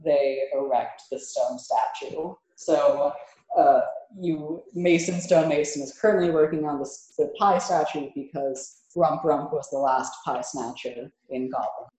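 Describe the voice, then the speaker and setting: A woman with a low voice runs a tabletop game as game master. She improvises the narration casually and haltingly, in a strongly echoing room. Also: fairly even intonation, mellow. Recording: roomy, echoing tabletop recording.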